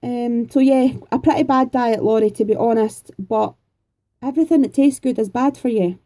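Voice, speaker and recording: Speaking at a normal speed in a warm, slightly high voice, a Scottish woman in her forties fields viewer questions in casual chat. She is homely and talkative, wanders a little, and fills her speech with frequent fillers.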